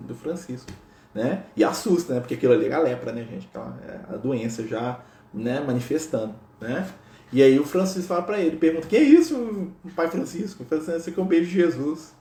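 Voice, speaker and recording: A man's voice: medium pitch, dark tone. Brazilian guy retelling a saint's story, chatty, echoey room. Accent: Brazilian Portuguese. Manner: chatty, with frequent tag questions. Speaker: spiritual speaker. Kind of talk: informal religious storytelling. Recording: roomy echo.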